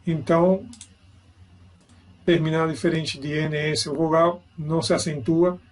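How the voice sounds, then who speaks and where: A man's voice: fairly high pitch, level tone, a little slow. A man giving an online grammar lesson, explaining step by step and checking in with his students. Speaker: Spanish teacher.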